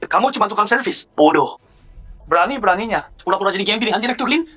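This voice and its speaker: A man's voice: high-pitched, expressive, very fast, pushed and bright. A man dubbing a sneering, boastful rich young heir who runs a company, in a drama. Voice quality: sneering, mocking. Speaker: company CEO. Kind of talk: dubbed drama dialogue.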